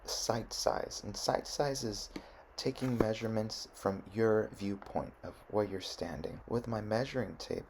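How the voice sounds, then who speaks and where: Young male art teacher, low gravelly voice, measured delivery with fillers, faint hiss behind. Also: a little mellow, poor audio. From Southern California. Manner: measured, explanatory, with hesitant fillers. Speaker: art instructor. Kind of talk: narrated drawing demonstration.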